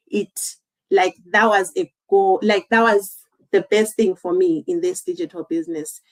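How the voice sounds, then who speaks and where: A woman's voice: medium pitch, poor audio. A woman, speaking as a guest on a livestream in a conversational, earnest way. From Zimbabwe. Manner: conversational, earnest, many "like" and "um" fillers. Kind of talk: casual livestream talk.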